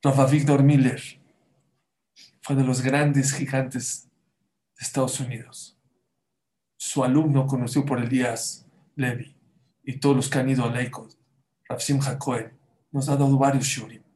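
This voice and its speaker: A man's voice: medium pitch, level tone, unhurried, pauses often, darkish tone, roomy sound. A man giving an emotional religious talk, telling stories and urging his listeners to listen. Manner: fervent, pleading with listeners, acts out quoted voices. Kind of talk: emotional religious storytelling sermon.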